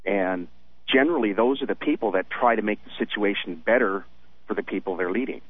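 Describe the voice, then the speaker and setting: Husky lowish guy calling into radio, measured casual opinion, phone line sound. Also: dry recording. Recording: muffled narrow phone line.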